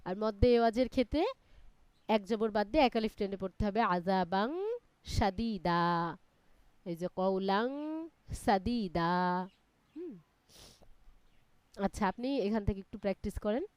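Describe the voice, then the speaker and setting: A woman's voice: medium pitch, fast talker, long pauses, warm tone, no room sound. A woman teaching Quran reading in a live online class, chanting Arabic letters syllable by syllable and explaining recitation rules. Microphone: online class call.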